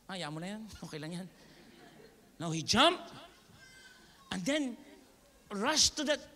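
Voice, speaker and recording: A man with a Filipino accent preaching an animated, joking sermon. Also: very high-pitched, gravelly. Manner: animated, joking, mixing English and Tagalog. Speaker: pastor. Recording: reverberant hall.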